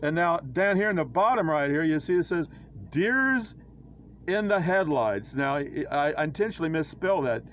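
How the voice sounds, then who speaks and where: A man with a somewhat high voice talks through his own drawings in a casual, halting way, full of fillers and restarts. His tone is preachy and wry. A faint hiss of ambient noise sits under the recording. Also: fairly bright tone, highs cut off. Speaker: church critic presenting his own illustrations. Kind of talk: casual screen-share commentary.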